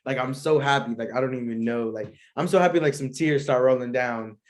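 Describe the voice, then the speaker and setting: A man's voice: medium pitch, fairly quick. A young man hosting a solo show, chatting casually as he answers questions, rambling and slangy with lots of asides. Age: young adult. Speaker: podcast host.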